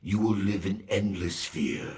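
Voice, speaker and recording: A man voicing an ancient, menacing demon duke in a fantasy game, with a gravelly rasp and slow, grandiose, ominous delivery. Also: low voice, very animated, darkish tone, roomy sound, exaggerated voice. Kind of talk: fantasy game dramatic acting.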